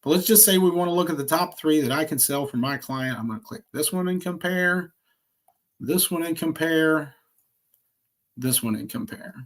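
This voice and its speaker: Upbeat salesy man walking through software. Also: fairly high pitch. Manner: energetic, salesy, quick asides. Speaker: insurance agent trainer. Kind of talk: screen-share software walkthrough.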